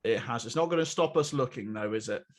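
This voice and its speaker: A man's voice: mid-range voice, fast talker. A man, co-hosting a podcast in casual chat, rambling and repeating words as he restarts. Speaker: podcast co-host.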